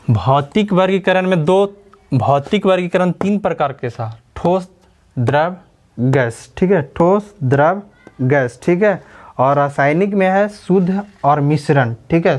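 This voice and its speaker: A man's voice: fairly high pitch, a little mellow. A male teacher giving a science lesson, often asking questions and repeating the key back. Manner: repeats key words and quizzes listeners with questions. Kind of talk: classroom lecture.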